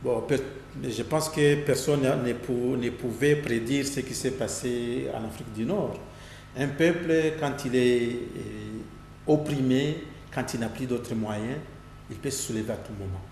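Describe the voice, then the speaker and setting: A man from Rwanda answering interview questions earnestly and deliberately, pausing and restarting his phrases. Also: mid-range voice, a little mellow, roomy sound, in a large hall, slight background noise. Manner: deliberate, with frequent restarts and pauses.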